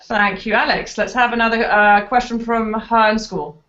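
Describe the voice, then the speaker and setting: A woman with a higher-pitched, sharp voice moderates a school video chat, speaking at a normal speed with fairly even intonation. She sounds polite but a little hesitant, using fillers as she introduces people. The video call audio is dull and lo-fi.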